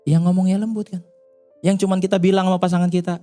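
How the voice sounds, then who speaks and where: A man's voice: high voice, flat delivery, fast talker, dark tone, faint music behind. A male pastor preaching a sermon in a chatty storytelling way, often turning to speak straight to the congregation.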